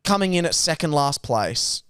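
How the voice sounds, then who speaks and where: Podcast host: Australian man, clear voice, blunt lad slang, casual, dry close sound. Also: a little high, sing-song, moderate pace, fairly bright tone, no room sound. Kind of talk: casual chat.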